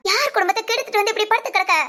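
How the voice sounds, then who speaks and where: A woman voicing a young adult daughter in a doll-film drama, sharp-tongued at first and tender underneath. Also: extremely high pitch, rapid-fire, voice pushed up. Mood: angry scolding. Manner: scolding then tearful.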